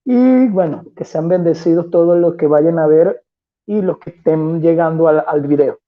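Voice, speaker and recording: A Venezuelan man speaks in a devout way, greeting the audience with blessings. His slightly high voice comes through a thin, phone-like connection. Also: moderate pace. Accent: Venezuelan Spanish. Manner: warm, devout, with frequent blessings. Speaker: debater. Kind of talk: debate greeting.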